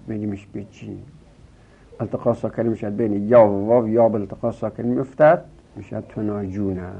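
A man giving a grammar lesson, explaining step by step and chanting verb forms in a rising sing-song. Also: medium pitch. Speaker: teacher. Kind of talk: Arabic grammar lesson in Persian. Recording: tinny phone-like recording.

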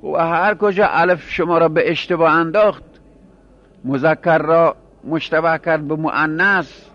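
A man's voice: on the high side, steady tone, muffled recording. A man teaching a grammar class, explaining by repeating examples and asking his students questions.

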